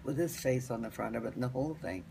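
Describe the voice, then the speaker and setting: An elderly woman, a grandmother, casually telling family stories in a halting, rambling way and repeating phrases for emphasis. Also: a bass voice, gravelly, warm tone, a little hiss or hum. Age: older, grandmother.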